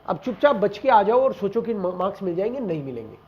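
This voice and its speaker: A man's voice: high voice, sing-song, fast, muffled recording. A man teaching a German exam class in a casual explaining style, talking straight to his students and dropping in German example sentences. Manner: mixes Hindi with German example phrases, addresses students directly.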